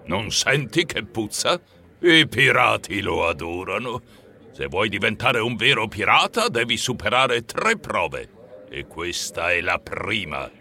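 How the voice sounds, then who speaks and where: A slow, gravelly rat pirate innkeeper, roaring threats at his guests. The voice is harsh and sharp-edged, dragging out every menacing word like an audiobook villain. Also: lowish voice, sing-song, pitched below the performer's own voice, exaggerated voice. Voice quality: gravelly, growling. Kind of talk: audiobook character voice.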